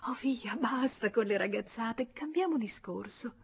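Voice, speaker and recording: A woman reading an audiobook, voicing a flustered refined married woman who stammers in a hushed, breathless way. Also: on the high side, animated, a little slow, gravelly, breathy edge, pitched above the performer's own voice, exaggerated voice.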